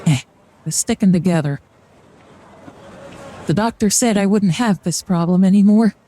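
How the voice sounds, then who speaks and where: A young woman streamer with a mid-range, dark-toned voice talks at normal speed while doing a card reading live. She rambles and jokes casually, dropping fillers and short laughs along the way.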